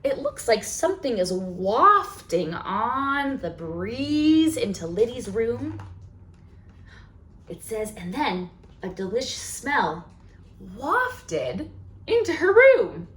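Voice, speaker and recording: In a sing-song, slow manner and a fairly high voice, a woman reads a picture book aloud for a library storytime. She keeps it expressive, asking the children questions and marveling aloud.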